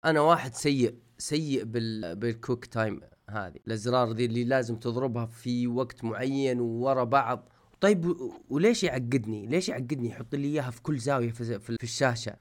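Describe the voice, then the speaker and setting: A man in casual gaming chat, talking in an animated, exasperated way. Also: medium pitch, fast.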